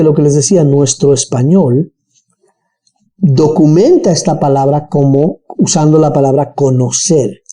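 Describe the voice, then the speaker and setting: A Bible teacher with a Bolivian highland accent, giving an animated Bible study lesson and checking in with listeners often. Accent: Bolivian highland (colla).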